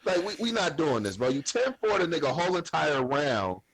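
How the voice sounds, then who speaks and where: A man giving a casual podcast recap, animated and profane, ranting insistently. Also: on the high side, fairly quick, creaky, slightly rough, low-quality recording. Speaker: podcast guest.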